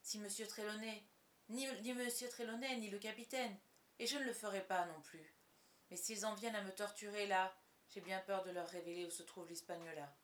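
A woman's voice: medium pitch, steady tone, normal speed, roomy sound, close to an everyday voice. An honest teenage cabin boy pleads sincerely, scared yet firm, as a woman reads him. The voice stays near the reader's own. This is storybook narration. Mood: pleading.

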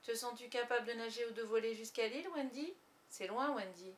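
A woman's voice: fairly high pitch, brisk, echoey room, a little hiss or hum, close to an everyday voice. A woman voicing a brave young boy hero in a storybook reading, speaking urgently and earnestly. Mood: grave.

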